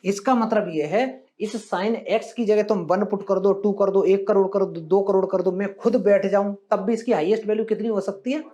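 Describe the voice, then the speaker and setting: A man's voice: high voice, fairly even intonation, normal speed, few pauses, warm tone, muffled recording. Coaxing classroom maths teacher, man. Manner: coaxing, addresses students as beta and bachcha, asks questions. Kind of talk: classroom lecture.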